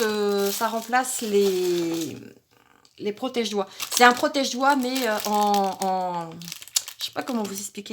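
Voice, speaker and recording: A fairly high-voiced woman talks through a craft-kit unboxing in a relaxed, chatty way. She thinks aloud, pausing on fillers and restarting phrases as she goes. A light hiss sits under her voice. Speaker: crafting vlogger. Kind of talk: casual unboxing vlog.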